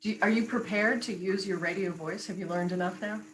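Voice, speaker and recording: A woman's voice: mid-range voice, rough recording. A woman who works as a voice coach, talking animatedly and emphatically in a casual interview. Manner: animated, emphatic, quick asides. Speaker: voice coach and guest.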